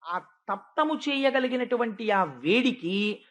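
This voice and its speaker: A woman giving a devotional discourse, retelling a sacred legend with animated storytelling that swings between soft asides and loud emphasis. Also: on the high side, slow pace. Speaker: devotional speaker.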